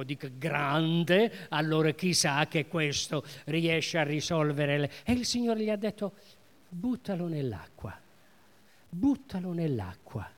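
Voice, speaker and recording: A man preaching a sermon in a church, emphatic, repeating key phrases and putting questions to the congregation. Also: on the high side. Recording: reverberant church hall.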